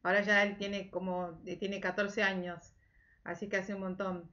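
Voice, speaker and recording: A woman English teacher giving a slow, patient children's lesson from home, drilling phrases over and over and mixing English and Spanish. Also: medium pitch, level tone, fairly bright tone, muffled recording.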